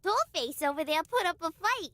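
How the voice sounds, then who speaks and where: A woman's voice: very high-pitched, lively intonation, normal speed, a bit bright, full character voice. Brassy gangster girl, old-timey american accent, scrappy and sassy. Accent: old-time American gangster.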